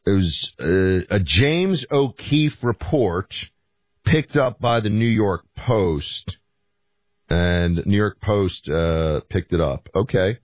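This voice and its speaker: An American man hosting a talk radio show, thinking aloud in halting commentary, his throat hoarse and scratchy from talking late. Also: deep voice, expressive. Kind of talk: conversational political commentary with listener calls. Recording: roomy echo, slightly dull audio.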